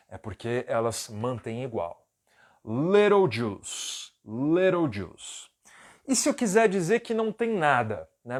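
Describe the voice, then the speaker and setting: Man slowly teaching English pronunciation. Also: mid-range voice. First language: Portuguese. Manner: slow, drawn-out model pronunciations; patient, explaining step by step. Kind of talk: online English lesson.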